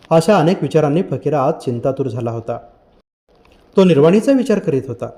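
A man reads a novel aloud in a measured, literary way. His voice sits high for a man, and he paces the descriptive passages steadily. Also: warm tone. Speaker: audiobook narrator. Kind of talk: scripted novel narration.

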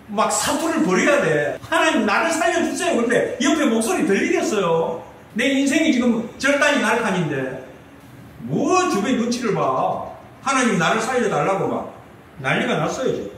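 Pastor, man, high animated voice, preaching and quizzing the congregation, echoey church hall, mic at a distance. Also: slight background noise. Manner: lively preaching with rhetorical questions to the congregation. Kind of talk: sermon. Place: church sanctuary.

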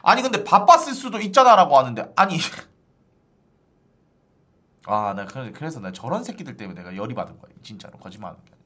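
A man's voice: on the low side, big pitch swings, fairly quick, long pauses, sharp tone. A male streamer ranting to his viewers in casual live-stream chat, exasperated and starting lines over and over. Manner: exasperated, ranting, repeats "아니" constantly.

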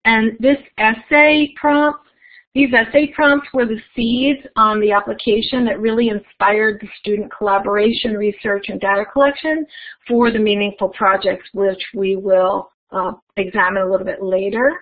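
The webinar audio is thin and phone-like as a woman gives her conference keynote, amiably leading the audience in an interactive activity. Her mid-range voice moves at a moderate pace with fairly even intonation.

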